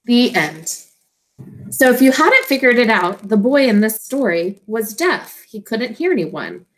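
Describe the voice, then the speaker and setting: A female teacher reads a children's storybook aloud with expression, using simple, deliberate phrases for young listeners. Her voice is a little high, sing-song and a bit bright, captured in a rough recording.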